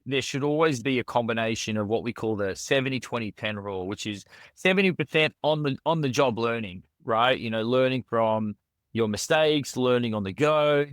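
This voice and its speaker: An Australian man speaks as a guest in a casual podcast interview, with an earnest, searching way of talking full of fillers and restarts. His voice sits at an ordinary middle pitch. The sound is dry and close, with no room around it. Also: no echo. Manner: earnest, with frequent fillers and repeated words.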